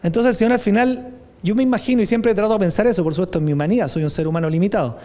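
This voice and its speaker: Chilean pastor, male, high mellow voice; conversational sermon, reads scripture with force. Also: very fast. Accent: Chilean Spanish. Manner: conversational preaching with frequent rhetorical tag questions.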